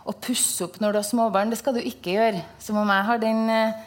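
A woman's voice: on the high side, steady tone. A woman hosting an interview, talking in a thoughtful way and searching for her words as she goes. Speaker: host. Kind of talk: conversational interview.

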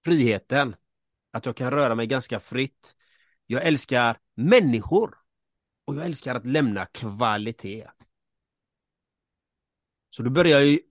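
A man's voice: medium pitch, dry recording. A man with a mid-range voice, co-hosting a podcast. He tells his own story earnestly, repeats lines for emphasis, and speaks directly to the listener. The sound is dry and close. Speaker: podcast co-host, coach. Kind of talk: casual podcast chat.

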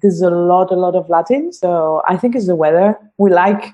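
A woman's voice: lowish voice, normal speed, mellow. A woman from Spain with a Spanish accent, a guest chatting casually and laughing often. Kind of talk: casual chat.

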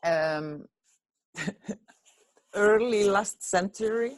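A woman's voice: mid-range voice, very slow. A middle-aged woman from Iceland, a film editor, answering interview questions in a thoughtful, hesitant way. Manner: thoughtful, hesitant, fillers and restarts. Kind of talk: casual interview.

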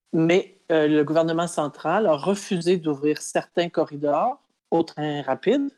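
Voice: mid-range voice, a little mellow. An interview guest explaining at length in a conversational way, with frequent hesitations.

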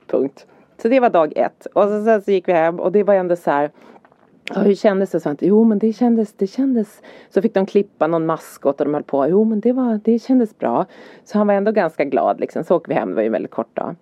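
A woman's voice: fairly low pitch, no echo. A woman, a mother and podcast co-host, telling family stories in casual chat and acting out lines from her son and herself. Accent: Swedish. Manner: animated storytelling, acting out her son's and her own lines. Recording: slightly dull dry podcast audio.

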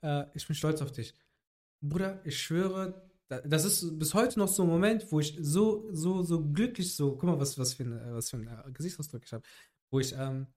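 A man's voice: on the high side, normal speed, darkish tone. A young man chatting casually on a podcast, rambling in street slang with many restarts. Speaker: podcast guest.

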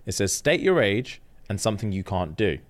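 A man's voice: lowish voice, moderate pace. A man, co-hosting a podcast in casual banter and laughing often. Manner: animated, laughs often, London slang. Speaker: podcast co-host. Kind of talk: casual chat.

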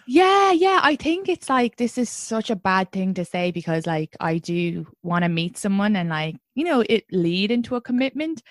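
Thirty-something woman, podcast host, candid and giggly, lively pitch, dry close sound. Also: normal speed, hardly any pauses, no echo. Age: 30s. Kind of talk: casual chat.

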